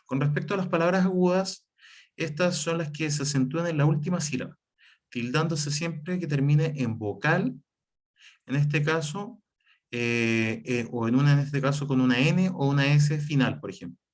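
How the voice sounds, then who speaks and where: A man's voice: fairly high pitch, normal speed. A man teaching a spelling lesson, explaining the rules step by step, with frequent fillers and self-corrections. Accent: Chilean Spanish. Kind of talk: spelling lesson over slides.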